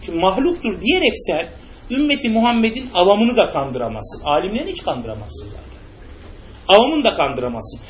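High-voiced man teaching a religious class. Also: very animated, brisk. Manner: asks rhetorical questions and answers them himself. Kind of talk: classroom lesson with questions to students. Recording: muffled recording with faint background noise.

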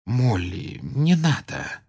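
A male audiobook reader voicing a calm grown man who speaks firmly and clearly, with restraint. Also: mid-range voice, slow, full character voice. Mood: soothing. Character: calm steady grown man, comforting a friend. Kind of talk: audiobook character voice.

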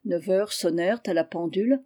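A man reading a classic novel aloud in a measured, literary way. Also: high-pitched, warm tone. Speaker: audiobook reader. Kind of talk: scripted narration.

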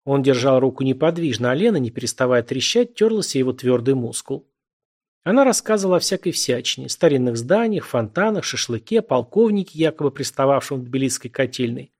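A man narrating a novel as an audiobook in an expressive, vivid reading. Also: mid-range voice, a little fast.

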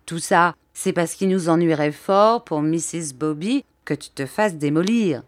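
A woman's voice: sits low, unhurried, no echo. A woman doing a stubborn slangy man. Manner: blunt, colloquial, emphatic.

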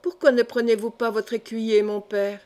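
A woman reading a gentle, timid young noblewoman. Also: a little high, level tone, normal speed, lightly acted. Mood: anxious. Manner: soft, timid. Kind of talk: audiobook character reading.

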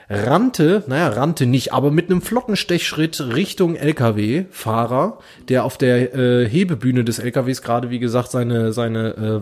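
A man telling everyday work anecdotes in casual chat, lively and full of fillers. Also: mid-range voice. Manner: lively anecdotal, with many fillers and acted dialogue. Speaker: podcast co-host telling anecdotes. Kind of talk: casual storytelling.

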